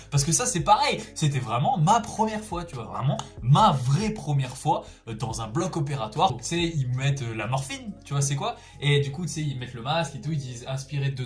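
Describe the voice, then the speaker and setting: A young man chatting casually through a personal story, slangy and expressive, exclaiming for emphasis. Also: on the high side. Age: young adult. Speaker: storytelling vlogger.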